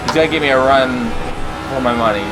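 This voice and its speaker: A man giving casual, easygoing commentary while he plays a racing game, thinking aloud in a halting way. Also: mid-range voice. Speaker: sim racing streamer. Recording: loud steady car engine noise. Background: racing game car sounds.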